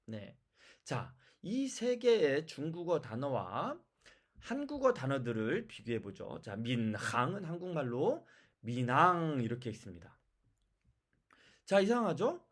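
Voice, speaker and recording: A language teacher giving a pronunciation lesson, explaining step by step and repeating example words slowly. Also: medium pitch, wildly swooping pitch, a little mellow. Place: lives in China.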